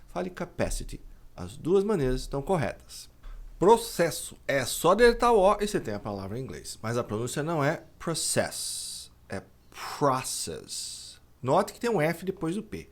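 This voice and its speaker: A man with a Brazilian accent teaches English pronunciation, slowing down and stretching words to model each sound. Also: on the high side, big pitch swings. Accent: Brazilian Portuguese. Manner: explains slowly, drawing out words to model pronunciation. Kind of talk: pronunciation lesson.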